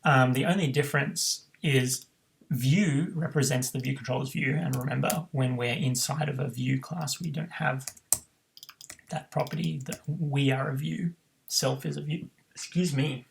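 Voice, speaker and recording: Man, programming tutorial, very gravelly voice, ums and restarts, faint noisy recording. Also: medium pitch, steady tone, normal speed. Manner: thinks aloud with frequent ums and self-corrections. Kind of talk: screen-recorded coding tutorial.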